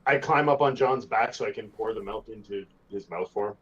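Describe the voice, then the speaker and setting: A man's voice: fairly low pitch, normal speed, a bit bright, breathy edge. A man chatting casually as a player in a tabletop game, recorded with slightly dull sound.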